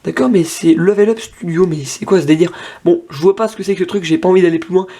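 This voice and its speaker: A man's voice: high voice, quick pace, mellow, breathy edge. A young man casually demoing an old tablet on camera, thinking aloud with lots of fillers and restarts. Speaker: tech vlogger. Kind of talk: casual hands-on device demo.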